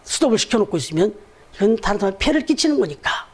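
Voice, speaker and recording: A man voicing the inner thoughts of an elderly man, musing quietly to himself in a sermon story. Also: sits high, sing-song, fast, breathy edge, exaggerated voice. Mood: approving.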